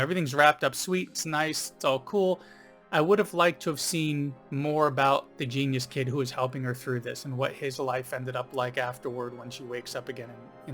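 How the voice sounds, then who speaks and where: Man, film review host, casual, rambling, filler-heavy, middle pitch. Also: a bit bright. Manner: rambling, many ums and you-knows. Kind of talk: casual spoken video review.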